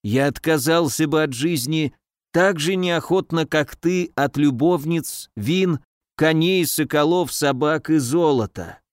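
A man reading the part of a dying old nobleman father, speaking slowly and weakly. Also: on the high side, dry recording, studio quality, close to an everyday voice. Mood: weak, pleading. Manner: slow, weak, muttering.

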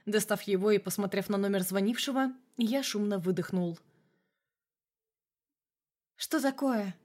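Woman, audiobook narrator, steady first-person storytelling. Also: mid-range voice, brisk. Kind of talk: scripted narration.

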